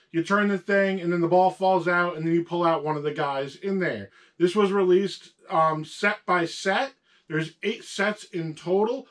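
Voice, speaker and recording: A man's voice: high-pitched, fairly bright tone. A man with a sore throat hosting a casual show-and-tell about his toy collection, patiently talking along with a young co-host.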